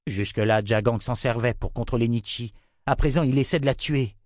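A man voicing a young male lord who speaks urgently and forcefully. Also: mid-range voice, moderate pace, no room sound, clean studio sound, lightly acted.

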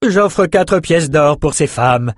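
An outspoken young woman, as a male narrator puts her on, lifted well above his own pitch. She speaks pointedly, in a dry, close recording. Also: expressive, takes it slowly, no room sound. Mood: forthright.

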